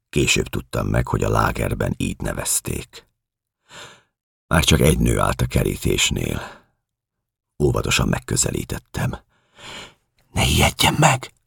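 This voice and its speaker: Very low, gravelly male narrator. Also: big pitch swings, long pauses, fairly bright tone, no room sound, clean studio sound. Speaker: audiobook narrator. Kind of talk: scripted literary narration.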